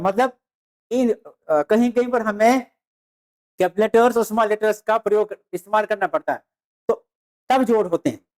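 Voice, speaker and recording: A teacher giving a beginner lecture on the alphabet, naming letters slowly one by one, repeating them and speaking straight to the students. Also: medium pitch, darkish tone. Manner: addresses students directly with "dear students". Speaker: Urdu teacher.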